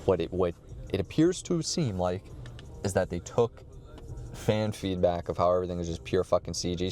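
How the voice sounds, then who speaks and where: A man's voice: sits low, a little mellow. A man chatting casually in a rambling, slangy, profane way with a laid-back stoner drawl. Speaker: vlogger.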